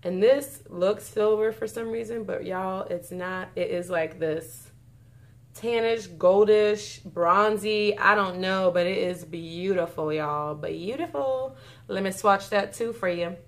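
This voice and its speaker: A chatty woman shows off her bargain finds, gushing with delight and calling out to her viewers. Her voice sits at an ordinary middle pitch and her talk runs loose and casual. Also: fairly even intonation, slow. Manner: chatty and gushing, keeps saying y'all. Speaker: beauty vlogger. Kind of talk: casual haul video chat.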